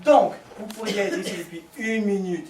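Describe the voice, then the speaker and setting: A man's voice: high-pitched, steady tone, moderate pace, a little mellow, slight background noise, natural voice. A male stage actor playing a lovesick man who pleads with his lover over the phone, talking theatrically and stammering in a live comedy performance. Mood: pleading. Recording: echoey stage recording from far off.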